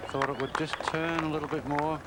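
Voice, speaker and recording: A man's voice: fairly high pitch, little pitch movement, fairly quick. A man giving live golf commentary, reacting aloud to each shot and urging the ball along. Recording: noisy outdoor broadcast with loud crowd behind. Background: loud golf crowd and outdoor ambience.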